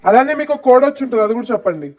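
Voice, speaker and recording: A brisk young delivery man, put on by a woman, rattles through his lines at a fast clip. The voice sits fairly high, and a music bed plays faintly underneath. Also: expressive, a little mellow, highs cut off. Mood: businesslike. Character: young male parcel delivery man, matter-of-fact.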